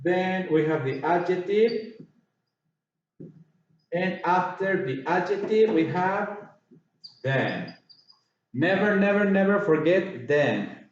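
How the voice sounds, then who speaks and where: A man teaching an English grammar lesson, slowly repeating words and spelling letters out. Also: high-pitched, lively intonation. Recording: echoey, distant, dull room sound.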